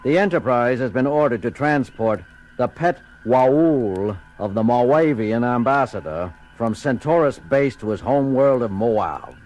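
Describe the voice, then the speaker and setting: An actor playing an exasperated, authoritative starship captain in an audio drama, giving clipped orders. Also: male voice, medium pitch, animated, a little slow, a little mellow, natural voice, low-quality recording. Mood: grave, businesslike. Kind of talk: dramatic audio theater acting. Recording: music under the voice.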